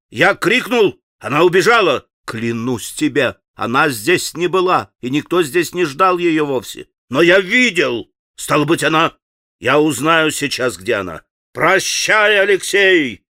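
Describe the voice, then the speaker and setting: A passionate, defiant young man declaiming with heat and emphasis. A man voices him in an audiobook. His voice sits a bit high and bright, recorded close and dry. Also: no room sound.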